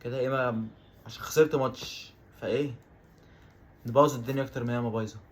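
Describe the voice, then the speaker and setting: A man with an Egyptian Arabic accent talks over his football video game in quick, tumbling bursts. He gets excitable and says the same exclamation several times in a row. His voice sits at an ordinary middle pitch. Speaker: gaming YouTuber. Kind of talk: let's-play commentary.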